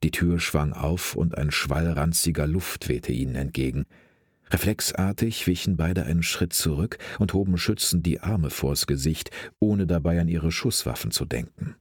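A man reading a crime story aloud in a steady, measured narration. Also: rumbling low, husky, no echo, studio quality. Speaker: audiobook narrator.

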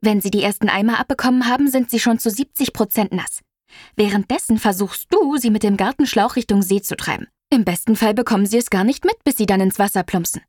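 A woman voicing an excitable teenage girl, the narrator's clever best friend, who lays out plans eagerly and a little breathlessly. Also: medium pitch, fast, no room sound, studio quality, lightly acted.

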